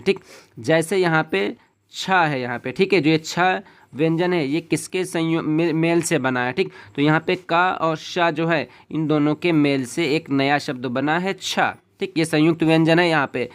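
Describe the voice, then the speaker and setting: A man with a slightly higher voice teaches an exam-prep lesson. He explains each answer step by step and adds a quick "okay" after every point. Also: clean tone.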